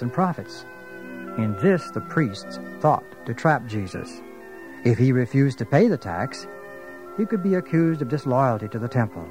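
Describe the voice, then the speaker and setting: A man reading scripted Bible story narration as the narrator of a drama. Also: medium pitch.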